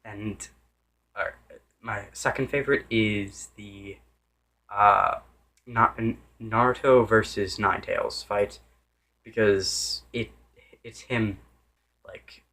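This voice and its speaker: A fairly low-voiced man reviews a game casually and without a script, keeping a steady, fairly bright tone and taking it slowly with long pauses. He rambles, repeatedly starts over and fixes his wording, and at times loses track of his point.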